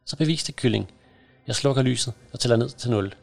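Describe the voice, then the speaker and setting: Guy doing a bossy little girl, teasy and pushy, kinda gravelly low voice. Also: warm tone. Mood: taunting. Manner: taunting, bossy. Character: bossy teasing young girl.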